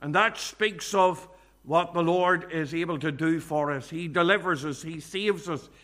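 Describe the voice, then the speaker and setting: Bright-voiced, high-pitched preacher, unhurried. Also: male voice. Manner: earnest, measured preaching with scripture quotes. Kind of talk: sermon.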